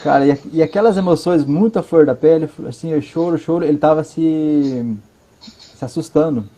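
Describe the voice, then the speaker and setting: Man, Brazilian Portuguese accent, earnest testimony, halting repeats, somewhat high voice, mellow tone. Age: adult, father of a five-year-old. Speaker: interview guest. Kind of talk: personal testimony in conversation. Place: his living room at home.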